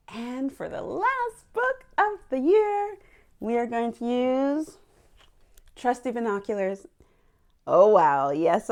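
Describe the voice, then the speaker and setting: With a somewhat high, slightly mellow voice, a woman hosts storytime with picture books for young kids. She's encouraging and exclamatory, putting questions to her small audience.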